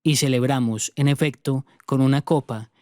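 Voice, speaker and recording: Guy reading a short story out loud, calm and steady, middle voice, dry close sound. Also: mid-range voice, normal speed, no echo. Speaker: narrator.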